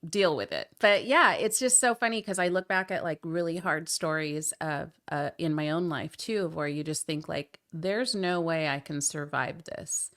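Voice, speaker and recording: A woman hosting a casual conversational interview, her voice hoarse and croaky like a frog from a respiratory illness, talking in an earnest, chatty way. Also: low voice, moderate pace, hardly any pauses, fairly bright tone. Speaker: podcast host.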